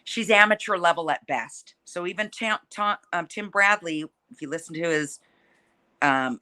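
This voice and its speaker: A woman's voice: deep voice, pushed and bright. A woman fighter talking casually in an interview, feisty, combative and blunt, swearing freely as she talks trash.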